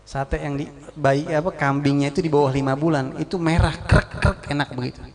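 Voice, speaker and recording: A middle-aged man preaches in a lively, storytelling way. His voice sits a little high and carries a gravelly rasp. He quotes Arabic phrases, explains them, and keeps asking his audience questions. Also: brisk. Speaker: Islamic preacher. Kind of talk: storytelling sermon.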